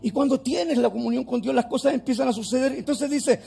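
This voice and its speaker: A man's voice: extremely high pitch, a little fast, vocal fry, warm tone, husky, soft background music. A male pastor preaching a fervent sermon in a church, firing off rhetorical questions.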